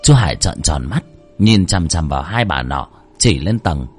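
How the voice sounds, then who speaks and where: Male horror narrator, low and husky, lively dramatic reading. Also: moderate pace, faint music behind. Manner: dramatic storytelling. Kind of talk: scripted horror story narration.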